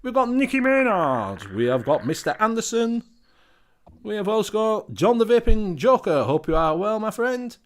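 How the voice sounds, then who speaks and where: Hosting a relaxed live online show, a man with a Northern English accent talks in a fairly high voice for a man, sing-song and at a moderate pace. He chats loosely, swears freely and reads out a list of viewers' names.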